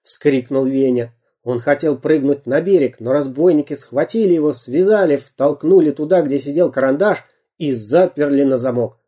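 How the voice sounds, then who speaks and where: A narrator reading a children's storybook aloud in a slow, even manner. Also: mid-range voice.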